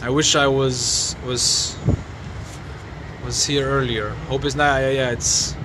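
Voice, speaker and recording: At night in a city compound, a man livestreams on his phone to report a fire, answering viewer comments haltingly and sombrely with many restarts. His voice is medium-pitched and flat, and the phone mic picks up a noisy outdoor scene.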